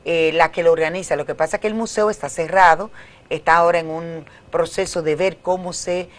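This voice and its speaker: A woman's voice: lowish voice, steady tone, brisk. A middle-aged woman with a Dominican Caribbean Spanish accent, explaining things as an academic guest in a conversational interview.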